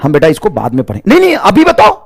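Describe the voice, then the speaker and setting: A man's voice: high voice, wildly swooping pitch, very fast, vocal fry, heavily acted. A man mimicking a whiny, demanding young student who keeps changing requests.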